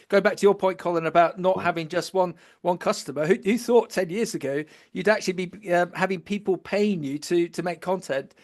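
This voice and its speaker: A male host in a casual interview, talking with frequent fillers and restarts. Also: high voice. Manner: hesitant, many restarts and fillers.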